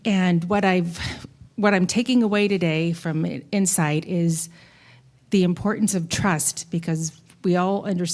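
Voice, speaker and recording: A woman congregant sharing thoughtfully, pausing and searching for her words. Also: on the low side, a little mellow.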